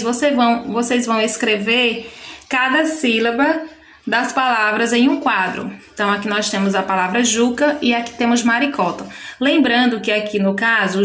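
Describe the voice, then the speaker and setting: A woman teaching a children's workbook lesson with Brazilian Portuguese speech, patiently slowing down to spell out syllables. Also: a little high, fairly bright tone. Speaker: primary school teacher. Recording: echoey room.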